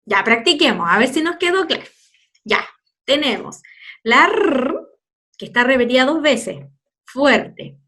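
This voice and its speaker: A woman teacher with a Chilean Spanish accent, giving a children's phonics lesson with slow, drawn-out word demonstrations and playful asides. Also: sits high, lively intonation, sharp tone. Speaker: primary school teacher.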